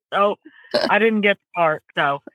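This comedian guest is a woman with a Southern US accent, from the American South, talking in a chatty, animated way and laughing readily during an interview. Her voice is mid-range, and the clip is very noisy.

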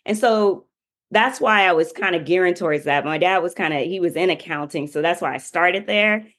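Woman guest, lowish voice, chatty storyteller, casual interview. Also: normal speed, a bit bright. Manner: chatty, many fillers like "you know".

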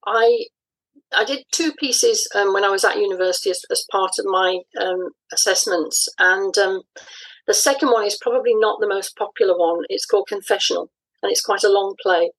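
A woman in her sixties who writes audio dramas is a guest on an interview, reflecting and explaining things thoughtfully and conversationally. She has a mid-range voice at a normal speed, and the recording is rough.

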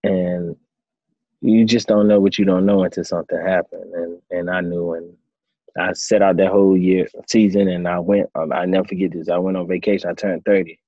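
Man, 30s, very low voice, relaxed storyteller, dry dull-sounding recording. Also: fairly quick, no room sound. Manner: relaxed storytelling, acts out his own past thoughts. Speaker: former quarterback turned coach. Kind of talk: casual interview answers.

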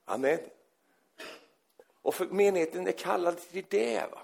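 A man preaching a sermon in an animated storytelling manner, often acting out the people he quotes. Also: high-pitched, vocal fry, breathy edge.

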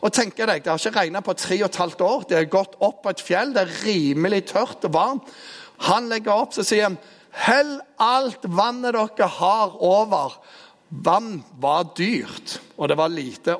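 A man preaching a sermon, retelling a story with lively storytelling. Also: sits high. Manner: storytelling, grows animated and loud in the retelling. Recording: long hall reverb.

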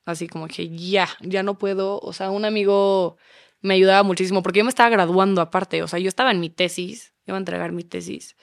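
Mexican woman in her twenties, podcast guest, animated storyteller, smooth and resonant, close dry sound. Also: medium pitch, a little fast, dry recording. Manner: animated, acts out quoted dialogue. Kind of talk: casual storytelling chat.

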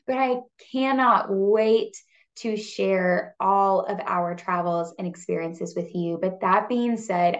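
A young woman in her twenties hosting a personal faith podcast, speaking earnestly and tenderly with soft pauses. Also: medium pitch, dull audio. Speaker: podcast host.

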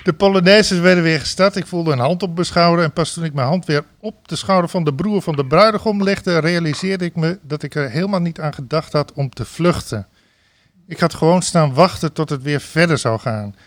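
A man reading a comic story aloud on a talk show, switching to loud sung party chants and laughing along. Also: fairly high pitch, fairly quick, no echo. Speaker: reader of a book passage on a talk show.

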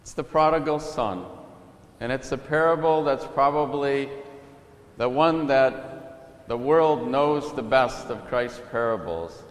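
A middle-aged man, a priest, reading the gospel and giving a calm storytelling sermon. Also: mid-range voice, slow. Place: church. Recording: echoey church from a distance.

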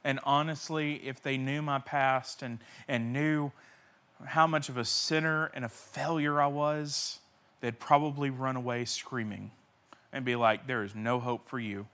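A man pastor preaching a sermon with passion, swinging between loud cries and hushed near-whispers, repeating key phrases for emphasis. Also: mid-range voice.

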